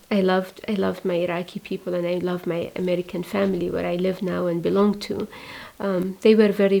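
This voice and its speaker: Brief: woman, 40s, from Iraq, gravelly dark voice, quiet reflective testimony. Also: on the low side, rough recording. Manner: soft-spoken, hesitant with many fillers. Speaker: religious sister, community founder.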